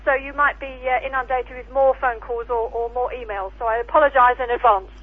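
A woman's voice: on the high side, steady tone, a little fast. A woman, calling in over the phone to a radio show and chatting enthusiastically. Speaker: caller. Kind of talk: casual chat. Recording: tinny phone line, raspy.

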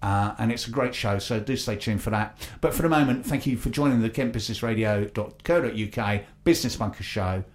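A man's voice: on the low side, fairly quick, few pauses. English man presenting local radio. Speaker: radio show host. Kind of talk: live local radio presenting, reading announcements.

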